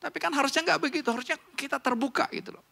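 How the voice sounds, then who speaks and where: A middle-aged man preaching a sermon in a church, chatty and animated, often asking the congregation questions. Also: very high voice, rapid-fire, gravelly. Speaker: pastor. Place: church sanctuary.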